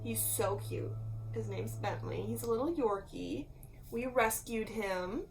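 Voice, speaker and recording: A woman's voice: a little high, a little slow, gravelly, a little hiss or hum, low-quality recording. A woman chatting casually with her fiancée in a tag video, playful and teasing. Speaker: vlogger. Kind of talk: casual chat. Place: home room.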